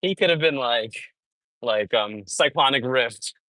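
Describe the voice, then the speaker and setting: A man with a mid-range voice chats casually on a live stream while walking on a treadmill, sweating from the exercise. He tells animated stories peppered with "bro" and "dude" at a measured pace, in poor audio with no echo.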